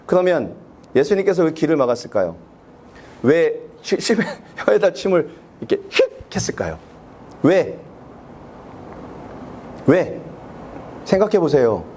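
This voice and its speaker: Male pastor from South Korea, high and animated sermon voice, asks the room questions. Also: slight background noise. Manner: acts out quoted prayers in a raised, slowed voice. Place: church sanctuary.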